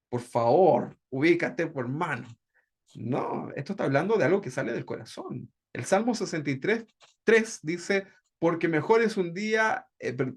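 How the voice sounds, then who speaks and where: A man with a slightly high, creaky voice that has a breathy edge leads a Bible discipleship class. He teaches conversationally and keeps checking in with "¿verdad?".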